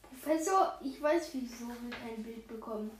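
A woman's voice: on the high side, normal speed, a little hiss or hum, natural voice. A woman doing a friendly pumpkin-head guy, a bit sheepish, echoey room. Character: good-natured pumpkin-headed male hero.

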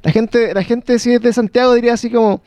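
A man's voice: extremely high pitch, fairly even intonation, fast talker, warm tone. A Chilean man co-hosting a podcast, chatting casually, rambling, stumbling over words and swearing. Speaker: podcast co-host. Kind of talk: casual banter.

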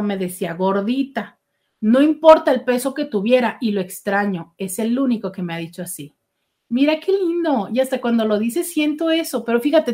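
A middle-aged woman hosting a casual show and chatting animatedly as she reads listener messages. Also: on the high side. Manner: chatty, warm, animated with exclamations. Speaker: radio host reading listener messages. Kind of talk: casual call-in show chat.

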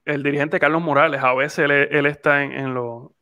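A Puerto Rican man in his twenties hosts a podcast, his voice on the high side, steady, pushed and bright, with a clear, resonant tone at normal speed. Speaking with a Puerto Rican Spanish accent, he rambles casually with frequent restarts and fillers.

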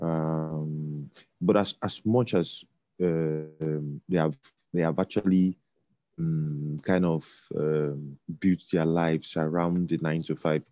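A man speaks in a very low, mellow voice, stopping and restarting his phrases with lots of ums. The sound is dry and a little dull, like a lo-fi recording. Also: fairly even intonation. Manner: halting, repeats words, many fillers. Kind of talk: casual conversation.

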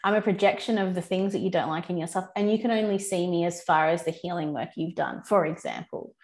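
A woman's voice: on the low side, fast, a little mellow. Earnest woman hosting a podcast. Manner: earnest and reflective, agreeing with "mm" and "yeah". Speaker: podcast host. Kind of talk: casual conversational interview.

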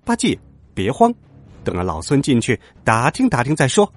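A man's voice: medium pitch, huge pitch swings, normal speed, no echo. A man voicing a brash, boastful male monkey king hero in a children's story. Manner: cocky, loud exclamations.

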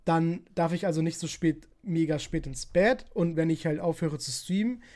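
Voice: medium pitch, normal speed, dark tone. A podcast host and streamer in casual chat, rambling with many fillers and laughing often.

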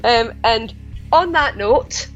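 Woman, Scottish Edinburgh-Glasgow accent, podcast host, casual chat, fairly high pitch, dull lo-fi recording. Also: lively intonation, slow pace, a bit bright, faint music behind. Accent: Scottish, Edinburgh and Glasgow mix.

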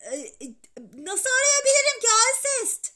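Woman voicing a keen young schoolboy, high, bright and breathless, storybook read-aloud. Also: very animated, normal speed, full character voice. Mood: eager. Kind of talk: children's story reading.

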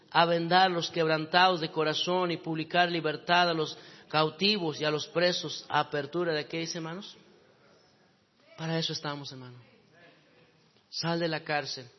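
Preacher guy, fervent sermon, loud then hushed, dull muffled sound. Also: a little high. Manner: fervent, exhorting, swings between loud and hushed. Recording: dull sound with long hall reverb.

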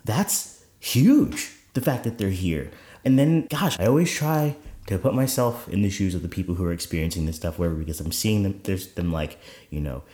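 A man's voice: low-pitched, brisk, few pauses, mellow. A man chatting casually as a podcast co-host, rambling through anecdotes with some swearing. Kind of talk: casual conversation. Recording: roomy, echoing sound.

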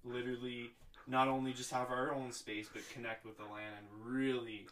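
A man's voice: medium pitch, little pitch movement, normal speed, fairly bright tone. A man co-hosting a casual travel podcast from home, chatting in a rambling way and restarting sentences. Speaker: podcast co-host. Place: on a bed at home with pets. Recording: roomy, distant mic, faint hiss.

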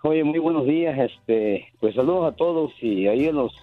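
A man's voice: fairly high pitch, animated, moderate pace, soft background music. A man from Guerrero, Mexico, calling in to a radio show and recalling his hometown in an easygoing way. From Tierra Caliente, Guerrero, Mexico. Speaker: radio caller. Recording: dull phone line.

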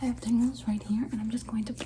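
A woman doing fast-paced whispered ASMR, repeating words and phrases insistently in a pleading way. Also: fairly high pitch, steady tone, mellow, slight background noise. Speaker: ASMR performer.

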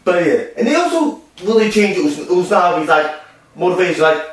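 Talking about a musical and the film made from it, this man co-hosts a casual, rambling chat peppered with fillers and false starts. He speaks at normal speed in a high, sing-song voice, heard distantly in an echoey room.

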